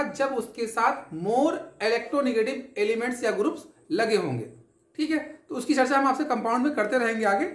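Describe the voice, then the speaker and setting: Echoey Hindi woman teaching chemistry. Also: fairly high pitch. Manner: explains step by step, often checks understanding; asks questions and answers them herself. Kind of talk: classroom lecture.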